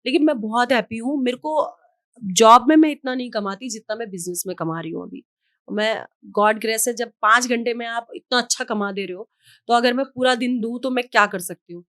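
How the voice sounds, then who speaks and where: A woman's voice: a little high, a little fast, fairly bright tone, no room sound, clean studio sound. A woman from Haldwani in India, speaking as a podcast guest in an outspoken, emphatic way and giving firm advice. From Haldwani, Uttarakhand, India. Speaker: podcast guest, entrepreneur and influencer. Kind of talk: podcast interview.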